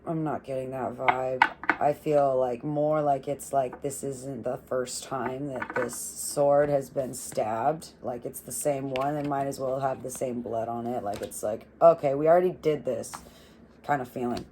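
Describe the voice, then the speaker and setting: A young woman lays out tarot cards in an unhurried, loose and rambling way, laughing and cursing as she goes. Her voice sits low, and her pace is slow and drawn out. A soft hum of room tone runs faintly behind her. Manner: swears freely, laughs often, animated and rambling. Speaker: tarot reader. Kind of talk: casual tarot reading.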